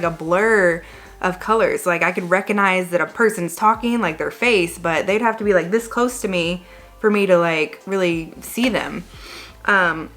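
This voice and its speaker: Woman vlogger, casual rambly storytelling, says like a lot, middle pitched voice. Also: fairly bright tone. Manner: rambling, conversational, frequent "like" and self-corrections. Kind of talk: casual personal storytelling to viewers.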